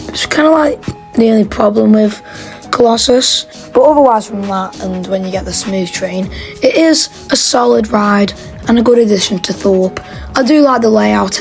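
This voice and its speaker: A woman's voice: mid-range voice, a little mellow, low-quality recording. A woman, chatting casually in a rambling, enthusiastic voice-over as she ranks theme park rides.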